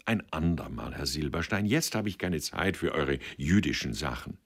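A man reading a novel aloud voices a fat old mayor who loudly reassures a crowd and brushes people off. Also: extremely low pitch, lively intonation, moderate pace, creaky, exaggerated voice. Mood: dismissive. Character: fat old male town mayor, loud and dismissive.

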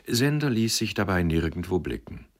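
A man reading a classic novel aloud as an audiobook narrator, in a measured storytelling manner. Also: sits low, very animated.

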